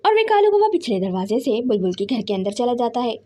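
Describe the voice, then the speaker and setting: A woman with a fairly high voice narrates a children's cartoon story. She tells it in a steady, scripted storytelling manner. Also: brisk.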